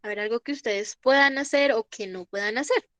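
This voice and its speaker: A woman's voice: fairly high pitch, fairly quick, a bit bright, dry recording. A woman with a cold, teaching an online English class with patient explanations and laughs at her own jokes. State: has a cold.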